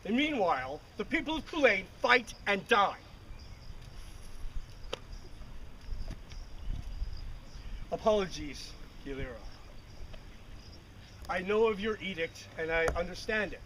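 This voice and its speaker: A man's voice: high voice, sing-song, moderate pace, bright, forceful tone, exaggerated voice. A man playing a bitter, dutiful warden in formal, old-fashioned fantasy speech on a live renaissance faire stage, earnest and declamatory. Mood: resigned, dutiful. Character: bitter, dutiful warden companion to a lady mage. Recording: outdoor live recording with faint ambient noise.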